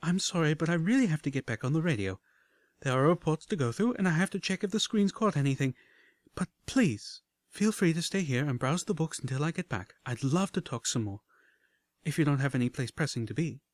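A man's voice: on the high side, expressive, brisk, no echo, voice pushed up, close to an everyday voice. A man voicing a gray unicorn mare who speaks firmly and earnestly. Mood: polite. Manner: firm, earnest. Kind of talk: audiobook character voice.

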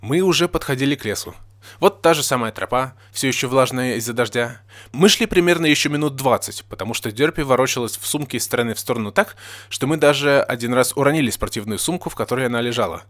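A man reading a fan story aloud in a plain, steady narrating voice. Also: mid-range voice, fast talker, dry recording. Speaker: story reader.

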